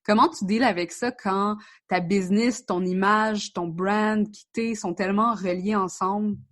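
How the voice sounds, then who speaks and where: A woman with a Québécois French accent, a podcast host asking relaxed questions and mixing in English words. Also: medium pitch, measured pace. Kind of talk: casual interview chat.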